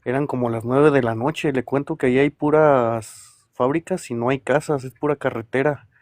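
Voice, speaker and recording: A man's voice: medium pitch, fairly even intonation, moderate pace, a little mellow, dry recording. Rambling man with a dry voice. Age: 30s. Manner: rambling, hesitant, often addresses the listener. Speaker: caller. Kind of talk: telling a personal experience.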